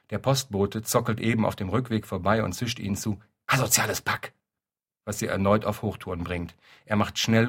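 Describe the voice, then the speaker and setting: Deadpan low-voiced male story reader. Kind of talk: literary reading.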